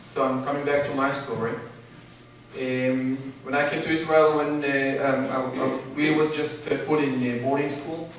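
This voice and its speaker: A man's voice: mid-range voice, flat delivery, distant mic, a little hiss or hum. Man from ethiopia telling his story at a podium, stops a lot, big echoey hall. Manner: halting, many filler pauses. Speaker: guest speaker. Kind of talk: personal story speech. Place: large hall.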